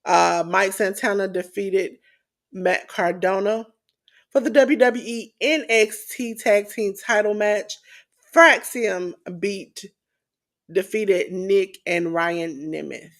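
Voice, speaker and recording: A woman's voice: mid-range voice, slow pace, fairly bright tone. A tired woman co-hosting a podcast, reading out wrestling results with showy announcer flourishes. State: sleepy. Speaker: podcast co-host.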